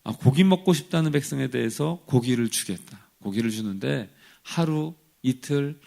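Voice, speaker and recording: Gravelly-voiced male pastor preaching. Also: mid-range voice, moderate pace, darkish tone. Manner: conversational preaching, acts out quoted complaints. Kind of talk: sermon.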